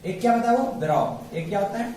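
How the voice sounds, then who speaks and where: Man, teacher, call-and-response classroom drill, high voice, echoey classroom, noisy. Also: normal speed, a crowd in the background. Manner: drills students with repeated questions and call-and-response; calls students "babu" affectionately. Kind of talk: classroom science lesson. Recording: echoey room, voice far from mic, background noise.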